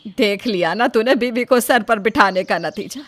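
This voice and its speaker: A woman's voice: fairly high pitch, moderate pace, a bit bright, lightly acted. A woman doing a blunt, scolding mother-in-law. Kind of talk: Hindi storybook voice acting.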